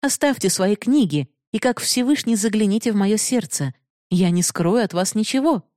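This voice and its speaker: A woman's voice: medium pitch, animated, moderate pace, a little mellow, no echo, voice pushed up, lightly acted. Woman doing a proud young woman begging for love, emotional and bitter, dry close read. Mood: pleading, bitter.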